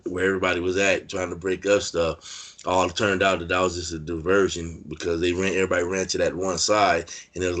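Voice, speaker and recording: Very deep voiced californian guy rambling through prison stories, lots of likes and you knows. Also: fairly bright tone. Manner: rambling, filler-heavy street talk. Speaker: interview guest, former prisoner. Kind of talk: casual storytelling interview.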